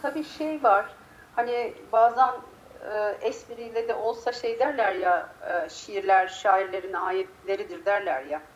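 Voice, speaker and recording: A woman's voice: fairly high pitch, measured pace. A woman poet being interviewed, a little unwell, her voice slightly muffled and strained. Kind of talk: conversational interview with a poetry reading. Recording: clear background noise.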